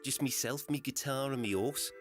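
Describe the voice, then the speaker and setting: An actor playing a friendly, easy-going travelling musician in a game. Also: male voice, medium pitch, normal speed, close to an everyday voice. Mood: easygoing. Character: friendly travelling musician man, young adult. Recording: game audio over music.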